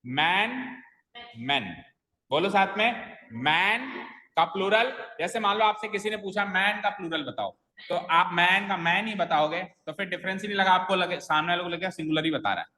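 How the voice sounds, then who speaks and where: A man's voice: high voice, brisk, bright, forceful tone. A man teaching a grammar lesson in a classroom, explaining step by step and quizzing his students with questions. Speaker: English teacher. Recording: echoey classroom with long reverb.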